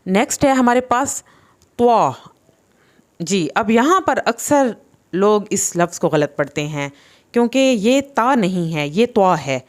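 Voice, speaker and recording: A woman teaches Quran recitation rules. Her voice is smooth and clear, at a middle pitch. She explains patiently and draws each letter sound out slowly. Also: animated. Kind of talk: tajweed lesson.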